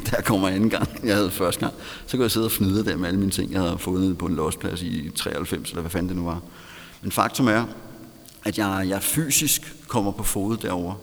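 A man with a Danish accent telling a candid personal story in a self-mocking way, laughing often. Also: low voice. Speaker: storyteller recounting recovery. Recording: long hall reverb.

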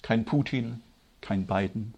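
A German-speaking man preaching a sermon, moving from quiet, measured delivery to loud, high, emphatic passages. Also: gravelly, breathy edge, lo-fi sound. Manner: grows loud and high-pitched when stirred, slow emphatic stresses.

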